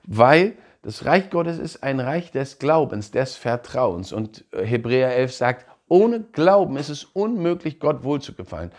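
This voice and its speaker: Animated preacher man. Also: mid-range voice, unhurried, hardly any pauses. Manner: animated preaching, laughs, acts out quoted voices. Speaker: pastor. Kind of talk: sermon.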